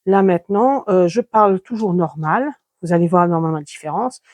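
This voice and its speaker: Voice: mid-range voice, fairly quick. Rambling chatty home vlogger on a lapel mic. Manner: rambling, chatty, with frequent fillers and restarts. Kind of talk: casual home vlog, testing a mic. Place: home, moving between office and sewing room. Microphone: clip-on lapel mic plugged into a phone.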